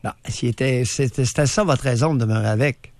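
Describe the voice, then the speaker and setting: A man's voice: mid-range voice, a little fast, a little mellow, dry recording. A male radio host with a Québécois French accent, bluntly and sarcastically probing a caller. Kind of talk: call-in radio show.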